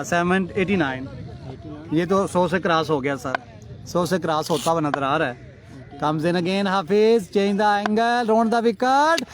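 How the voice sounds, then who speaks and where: A man giving lively, joking live commentary at a local cricket match, tossing in English cricket phrases. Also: a little high. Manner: excitable, jokey, mixes English cricket phrases. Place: outdoor cricket ground. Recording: loud crowd around the mic. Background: crowd.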